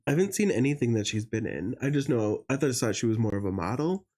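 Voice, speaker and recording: A man's voice: mid-range voice, big pitch swings, fast, dark tone. A young adult man co-hosting a podcast, gossiping in casual chat with lots of fillers. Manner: chatty, gossipy, many fillers. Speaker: podcast co-host.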